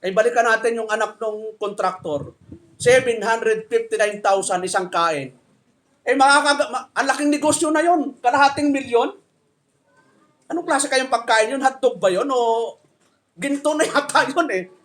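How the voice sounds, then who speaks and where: A man's voice: very high voice, moderate pace, fairly bright tone. A middle-aged man with a Filipino accent, a pastor preaching a sermon in a joking, conversational way and asking the congregation questions.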